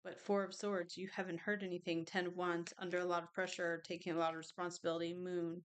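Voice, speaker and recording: A woman's voice: fairly low pitch, flat delivery, quick pace, clean tone. A woman tarot reader chatting casually, rambling between snacks and card readings. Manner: chatty, rambling, tastes food on camera.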